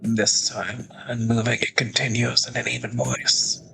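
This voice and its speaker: A sick man narrating a game aloud as a streamer, reading in a slow, measured way with a raspy, creaky voice. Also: mid-range voice, little pitch movement, bright, forceful tone, soft background music, rough recording.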